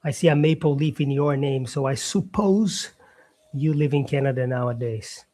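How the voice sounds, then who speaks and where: A man's voice: medium pitch, moderate pace, mellow. A man from Brazil teaching English on a casual live stream, chatting with viewers and answering their comments.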